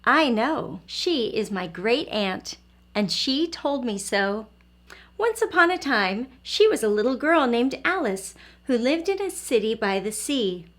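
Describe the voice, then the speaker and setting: Very animated and on the high side, a woman's voice carries a children's lesson and storybook reading. She talks to small kids with simple encouragement, posing questions and waiting for them to reply.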